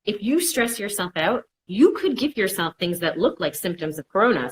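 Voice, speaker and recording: A woman's voice: medium pitch, slight background noise, rough recording. Reassuring woman counselor acting out worries. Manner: acts out worried inner voices in quotes; reassuring, repeats "it's okay". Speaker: mental health counselor. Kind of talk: conversational advice.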